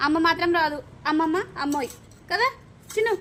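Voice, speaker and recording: A woman's voice: very high voice, quick pace, fairly bright tone, a little hiss or hum. A young mother at home, coaxing and scolding her small child in short, repeated commands while filming. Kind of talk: casual home vlog. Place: family home.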